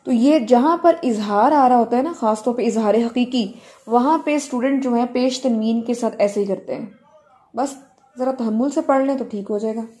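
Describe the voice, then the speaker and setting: A woman tajweed teacher running an online Quran recitation class, correcting students and modelling the recitation slowly. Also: a little high, mellow.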